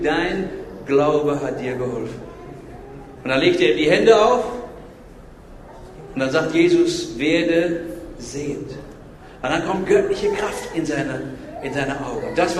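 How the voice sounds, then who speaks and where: A man's voice: on the high side, lively intonation, normal speed. A man preaching a sermon in a church, with emphatic repetition, speaking straight to his listeners. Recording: echoey hall reverb.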